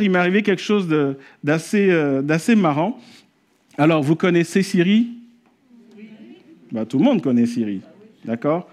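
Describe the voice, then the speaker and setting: Pastor guy preaching at church, kinda high voice, tells stories and gets all animated. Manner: storytelling, rising to animated exclamations. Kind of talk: sermon. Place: church service.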